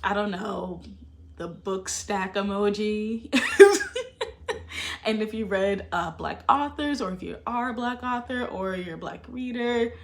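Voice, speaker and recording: A woman's voice: mid-range voice, slow. A young adult woman talking casually to camera about books, chatty and emphatic, with fillers and laughs. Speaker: book vlogger.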